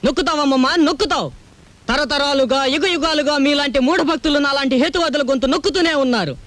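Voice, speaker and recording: A ranting young rebel nephew. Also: male voice, extremely high pitch, quick pace, fairly bright tone, no echo. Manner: fiery, ranting. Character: shouting young rationalist nephew.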